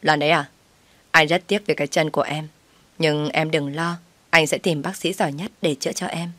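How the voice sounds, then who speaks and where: Woman reading young husband, placating, low dry delivery. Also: fairly even intonation, normal speed, a bit bright, no echo. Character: torn, dutiful young husband.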